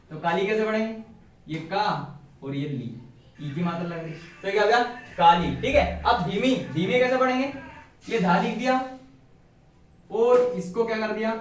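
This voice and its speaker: A man's voice: high-pitched, slight background noise. A male shorthand teacher giving a casual classroom lesson, asking and answering his own questions and cracking jokes as he goes. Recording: very echoey room, mic far away.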